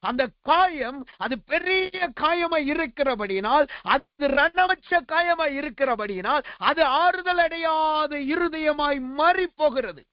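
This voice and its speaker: Male pastor with a very high voice, sermon full of repeated rhetorical questions, dry, dull lo-fi recording. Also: lively intonation, takes it slowly, hardly any pauses, dry recording. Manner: rhetorical questions, repetitive preaching cadence.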